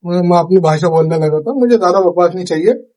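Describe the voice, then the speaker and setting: A man's voice: high voice, fast, warm tone. A young man chatting casually in a vlog, retelling a night's events with lots of quoted dialogue, from India. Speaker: vlogger. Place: home kitchen at night.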